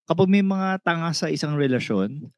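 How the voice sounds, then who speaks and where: A middle-aged podcast co-host from the Philippines, talking in an animated way and often searching for words. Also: male voice, on the high side, normal speed, dry recording. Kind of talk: casual podcast chat, mixing in English.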